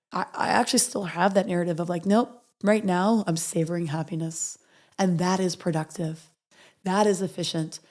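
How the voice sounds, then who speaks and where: A woman hosting a motivational podcast is hoarse and raspy as she recovers from an illness. In a lowish voice, she speaks earnestly and reads affirmations softly and slowly.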